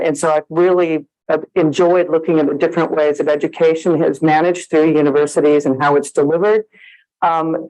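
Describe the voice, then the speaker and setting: Speaking in a conference hall, a woman from the United States who works as an associate dean delivers a friendly presentation full of fillers. She has a low-pitched, darkish voice, captured on a low-quality recording.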